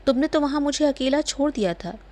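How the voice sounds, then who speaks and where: A woman's voice: expressive, a little fast, a little mellow. Woman voicing an emotional young heroine. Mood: reproachful. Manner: higher, pleading, reproachful tone.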